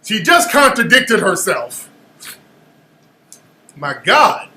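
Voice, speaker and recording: High-voiced incredulous male host, echoey room. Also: slow pace. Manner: animated, incredulous, challenging. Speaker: show host. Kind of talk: commentary reacting to a played clip.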